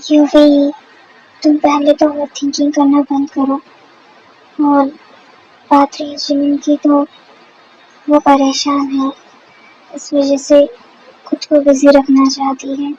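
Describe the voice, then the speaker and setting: A woman voicing a calm, protective young man who talks softly and steadily, in a Hindi dubbed fan story. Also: high voice, takes it slowly, pauses often, lo-fi sound. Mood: gentle.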